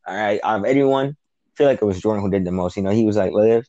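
A man with a low, mellow voice holds a casual recap chat. He tells the story with energy, acts out the quotes and swears freely. The sound is dry and close. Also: fast talker, no room sound, highs cut off. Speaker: podcast co-host.

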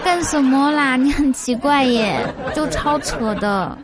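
A woman putting on a cutesy, whiny Taiwanese Mandarin accent for comedy, with slow drawn-out intonation and trailing particles. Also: high voice, over music, a crowd in the background. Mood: mock whiny. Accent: Taiwanese Mandarin, put on. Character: cutesy, whiny Taiwanese speaker, comically exaggerated.

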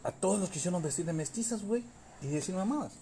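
A Mexican man from Yucatán in a casual podcast chat, crude and joking, swearing nearly every line, with a scratchy throat he keeps clearing. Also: high-pitched, lively intonation, quick pace, dark tone. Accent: Mexican Spanish. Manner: crude, swears constantly, jokey. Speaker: podcast co-host.

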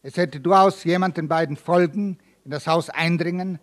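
A court assessor speaks in a formal, measured way, making a point for the record. A man reading a story aloud gives him a slightly raised, official voice. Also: on the high side, steady tone, lightly acted. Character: formal male court assessor acting as defender.

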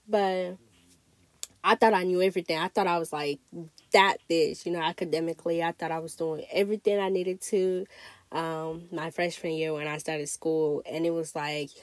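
A woman's voice: fairly low pitch, steady tone, normal speed, no echo. A woman in her late teens from Togo, chatting casually and hesitantly in a rambling, informal solo podcast style. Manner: informal, hesitant, peppered with "you know" and "like". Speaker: podcast host.

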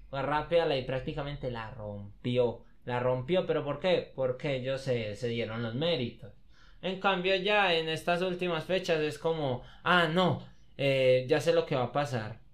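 Relaxed young man chatting. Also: mid-range voice. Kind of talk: casual chat about freestyle rap battles.

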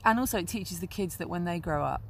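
A woman's voice: lowish voice, expressive, quick pace, creaky. A woman interviewing a friend, chatty and friendly, often ending on tag questions. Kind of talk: casual interview chat. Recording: loud background noise.

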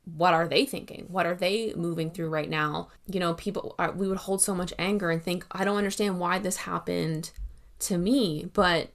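A woman hosting a casual podcast, thoughtful and enthusiastic, trailing and restarting as she talks. Her voice is a bit low for a woman. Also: fairly even intonation, normal speed, creaky. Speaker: podcast host.

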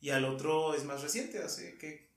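A man with a Mexican accent telling a story in casual conversation, halting and rambling, with frequent laughs. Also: a little high, steady tone. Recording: echoey room, far from mic.

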